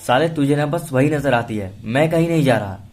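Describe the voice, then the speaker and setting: A man playing a lovesick young hero in a storybook drama, quick to anger and short with his friend. His voice comes out somewhat raised and louder than the storyteller's own plain telling, with a snappy, irritated edge. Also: medium pitch, music in the background, lightly acted. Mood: heated.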